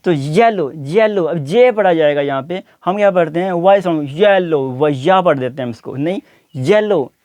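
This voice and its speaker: A man teaching English pronunciation, saying each example word slowly and repeating it several times. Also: on the high side, darkish tone, no room sound. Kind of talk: explaining pronunciation to learners.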